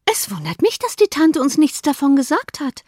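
A giddy young girl , as a woman narrator puts her on, bursts out in a high, bright voice that sits well above the reader's own. She talks breathlessly and eagerly, in a dry, close audiobook sound. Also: huge pitch swings, normal speed, dry recording. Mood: indignant. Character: excitable, flighty young girl, Lydia.

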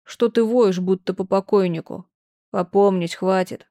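A woman voicing a weary middle-aged father who speaks quietly and firmly. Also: medium pitch, unhurried, no room sound, clean studio sound, close to an everyday voice. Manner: quiet, tired, restrained.

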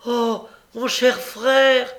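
A man voicing a sly young woman pickpocket who fakes loud, shrill distress in a storybook reading. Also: fairly even intonation, extremely slow, heavily acted. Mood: wailing. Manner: wailing, shrill, overacted distress.

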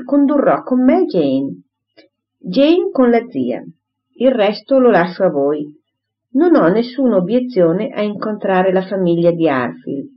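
A woman's voice: medium pitch, breathy edge. A woman reading an audiobook, voicing a pompous, bossy married lady who gushes and insists, in a dull lo-fi recording. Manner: gushing, insistent, talks over others.

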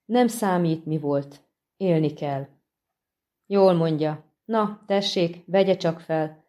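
A woman voicing a chatty, grateful middle-aged peasant man in an audiobook, talking in a folksy, animated way. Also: on the low side, close to an everyday voice. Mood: earnest. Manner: folksy, animated, respectful to his master. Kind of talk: audiobook reading.

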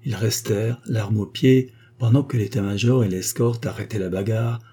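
Warm, husky male narrator. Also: fairly low pitch, fairly even intonation, moderate pace. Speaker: audiobook narrator. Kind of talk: scripted story narration.

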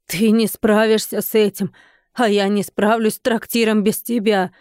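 A woman's voice: medium pitch, little pitch movement, moderate pace, a little mellow, dry recording, studio quality, natural voice. A woman voicing an earnest, emotional middle-aged woman innkeeper in an audiobook. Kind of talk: audiobook character reading.

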